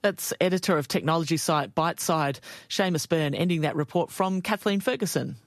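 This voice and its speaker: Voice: medium pitch, a little fast, very noisy. A news presenter reading scripted introductions.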